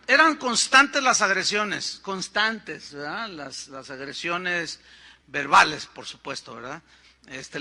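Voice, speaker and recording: An older Mexican pastor gives a sermon as a chatty story, turning often to the congregation with quick asides. His voice sits high. It is very bright and forceful.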